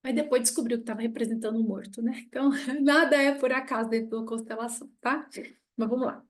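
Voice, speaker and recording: A woman's voice: on the high side, fairly even intonation, fast. A Brazilian woman giving a casual spoken lesson on family constellation therapy, telling an emotional story and often checking in with her listeners. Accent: Brazilian Portuguese.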